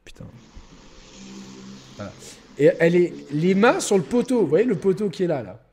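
Rambling, slightly high-voiced young man. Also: normal speed, a little hiss or hum. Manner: crude, rambling, animated with many fillers. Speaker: podcast co-host. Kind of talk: casual storytelling chat.

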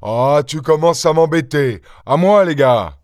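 A man doing a gruff angry peasant farmer. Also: on the high side, animated, unhurried, no echo, studio quality. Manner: gruff, bullying and shouting. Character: angry, brutish middle-aged peasant farmer. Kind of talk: audiobook character voice.

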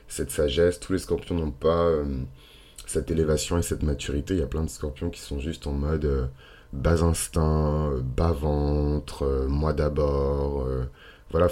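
A man with a gravelly morning voice and vocal fry, talking casually and hesitantly as a podcast host, with slangy turns of phrase. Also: extremely low pitch, warm tone. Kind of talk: casual unscripted monologue.

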